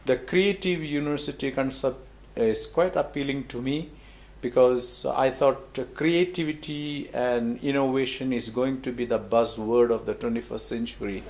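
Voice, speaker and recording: A man giving a measured short self-introduction at a conference. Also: medium pitch, darkish tone. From South India.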